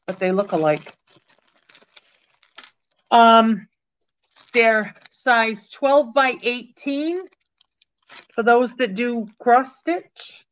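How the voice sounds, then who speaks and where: An older woman in her sixties talks slowly and comfortably, hosting a live-stream auction from a small room at home. Her voice sits a little high, and she chats with viewers by name. The audio comes through a webcam and sounds a bit dull and lo-fi. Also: animated. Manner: slow, unhurried, chatty, thanking viewers by name. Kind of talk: casual live-stream chat. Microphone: webcam on a computer, video call.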